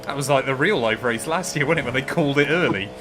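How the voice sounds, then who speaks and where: Male racing streamer, thick West Country English, casual banter, engine noise clearly behind. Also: medium pitch, quick pace. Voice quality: thick regional accent. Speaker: streamer and endurance sim racer. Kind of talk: casual chat while sim racing on a livestream. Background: car engine noise from racing game.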